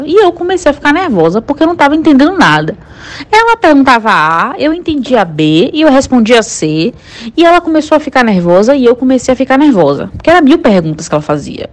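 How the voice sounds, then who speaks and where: A young woman from Brazil with a Brazilian Portuguese accent, animatedly retelling a personal story to a friend with dramatic exclamations. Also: high-pitched.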